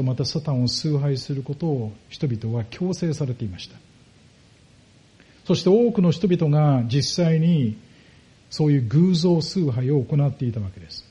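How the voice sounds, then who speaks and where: Man preaching, dark mellow voice. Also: fairly high pitch. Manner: explains step by step, asks the congregation rhetorical questions. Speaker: pastor. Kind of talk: sermon.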